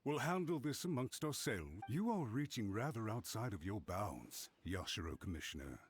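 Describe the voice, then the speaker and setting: Husky, swooping, pompous official. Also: male voice, fairly low pitch, sing-song, normal speed. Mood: mocking, defensive. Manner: pompous, indignant, sarcastic. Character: haughty, scheming male clan official, easily riled. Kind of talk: game voice acting.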